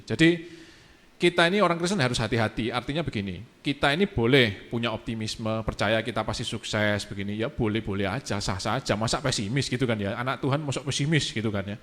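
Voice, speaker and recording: A man, speaking as a guest in a casual church youth talk, relaxed and mixing in English phrases. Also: medium pitch.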